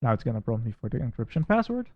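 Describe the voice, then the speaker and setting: This screen-recorded software walkthrough features a male tech reviewer from the Netherlands with a Dutch accent, racing along with a breathy edge. He stays methodical and plainly spoken while delivering pointed criticism at a middle pitch. The sound is dry, a bit dull, and without echo, like a simple home mic.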